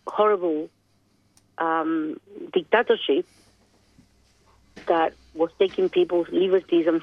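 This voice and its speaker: A woman's voice: on the low side, no echo. Chilean-accented woman on a phone line. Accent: Chilean Spanish. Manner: reflective, searching for words. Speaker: guest. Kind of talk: interview. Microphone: telephone. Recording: dry, tinny phone line.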